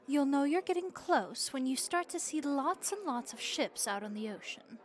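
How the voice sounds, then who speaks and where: Her voice sits high and expressive, moving at a normal pace, as she takes on the role of a friendly vampire innkeeper who has seen the world. The comforting roleplay has her chatty, encouraging, and wryly folksy, in a helpful, relaxed mood.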